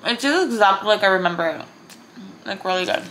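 A young woman on a travel food vlog, talking through a mouthful as she chews and tries a snack. Her reactions are casual and relaxed, at an everyday pitch. There is clear noise behind her on the home recording. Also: quick pace, rough recording. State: talking while chewing. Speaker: vlogger. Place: indoors, travel rental room.

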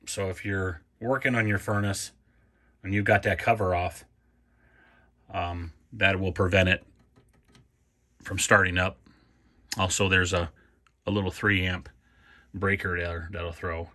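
A man casually walking through his own furnace repair off camera, plain and unhurried, with many ums and restarts. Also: low voice, level tone, bright, forceful tone. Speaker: homeowner showing a repair. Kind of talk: casual DIY walkthrough.

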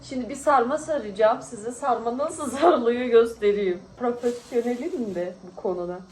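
A woman's voice: a little high, moderate pace, a little mellow, slight background noise, poor audio. A tired woman vlogging in casual, teasing chat with friends at a friend's home. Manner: chatty, teasing, often laughing.

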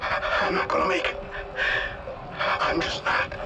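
A man's voice: takes it slowly, very noisy, lightly acted. An actor playing a badly wounded, bitter and resigned man in a video game drama, sounding pained and weakened. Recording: distant game audio with music behind.

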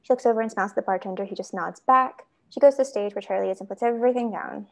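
A woman's voice: mid-range voice, rapid-fire, gravelly. A woman reading stage directions aloud in a matter-of-fact way during a script read-through.

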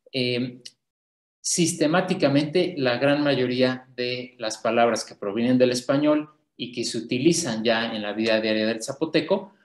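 A man delivers an academic conference presentation over a video call in a measured, explanatory way. His voice sits at an ordinary middle pitch. He often hesitates and corrects himself, and the room around him rings with a noticeable echo. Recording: roomy echo.

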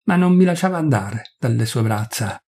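Dark husky male story reader. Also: medium pitch, expressive. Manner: measured storytelling, confiding. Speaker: audiobook reader. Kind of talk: literary audiobook narration.

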